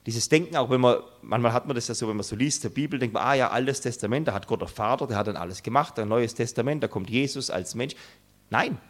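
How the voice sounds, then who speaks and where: Male preacher, sermon delivery, earnest, emphatic, pausing for effect, mid-pitched voice. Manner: earnest, emphatic, with dramatic pauses.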